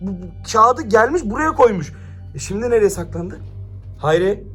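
A man's voice: high-pitched, expressive, normal speed, sharp tone, faint music behind. A young man vlogging at home into a handheld camera, frantic and exclaiming, constantly talking to his viewers. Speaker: YouTuber. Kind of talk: staged excited vlog.

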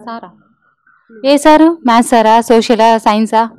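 A woman's voice: a little high, measured pace, a little mellow, clear, resonant tone. A young woman anchor chatting playfully with children, teasing them and asking questions. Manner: chatty, teasing, talks to kids in a friendly way.

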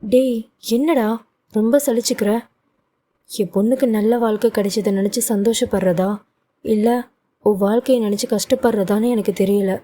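A woman's voice: mid-range voice, fairly even intonation, moderate pace, pauses often, warm tone, natural voice. A woman voicing a worried middle-aged mother who fusses and scolds her grown son. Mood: tearful. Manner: scolding, emotional.

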